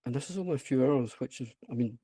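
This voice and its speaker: This app creator, a broad-accented Scot, presents casually over a screen-shared online call, hesitant and self-deprecating but eager. His mid-range voice moves at a quick pace, dark in tone with a breathy edge, and there's no room sound.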